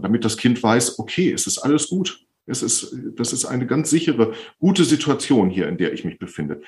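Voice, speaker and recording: A man who works as a speech therapist, calmly and patiently explaining as a podcast guest, often repeating phrases to stress them. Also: fairly low pitch. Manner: calm, patient explaining with frequent repetitions.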